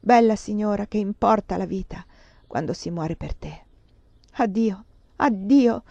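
A woman's voice: medium pitch, unhurried, gravelly, warm tone, no room sound. A woman reading the lines of a passionate, doomed young nobleman in a declaiming, poetic manner, with a dull, muffled sound. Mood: despairing.

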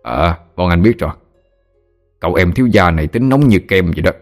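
Man playing a cocky thug, eager, odd timbre, low voice. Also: lively intonation, a little fast, faint music behind. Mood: boastful. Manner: eager, boastful. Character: eager male gangster thug.

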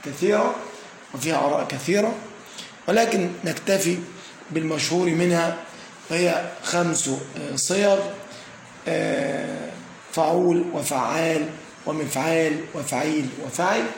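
Male grammar teacher, high gravelly voice, echoey room with faint hum, "aah" fillers. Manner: frequent "aah" fillers and checking "tamam?"; slowly stresses word patterns, listing examples. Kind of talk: explanatory grammar lesson.

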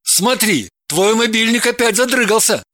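A woman's voice: on the high side, expressive, normal speed, fairly bright tone, dry recording, voice pushed up. A woman doing an easygoing, joking man. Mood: teasing. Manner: teasing, casual.

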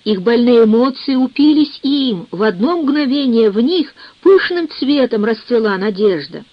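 A woman reading a novel aloud in measured, expressive scripted narration. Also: on the high side, dry recording, muffled recording. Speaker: audiobook narrator.

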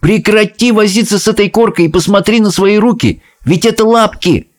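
A man voicing a sensible young boy, now a mouse, who talks calmly and persuasively in an audiobook reading. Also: high-pitched, moderate pace, pitched above the performer's own voice, lightly acted. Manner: calm, persuasive, a little sly.

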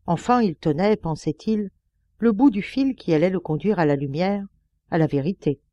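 A woman reading a novel aloud as an audiobook narrator, measured and expressive. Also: fairly low pitch, no room sound, muffled recording. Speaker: audiobook reader. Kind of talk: scripted narration.

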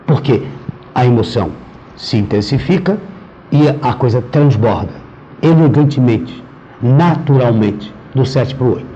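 A man lecturing on literature, reading poems aloud and pausing to explain their meter, often repeating words as he thinks. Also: medium pitch, lively intonation, warm tone. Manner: reads verse aloud, then breaks off to explain meter. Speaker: literature teacher. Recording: dull lo-fi recording with faint noise.

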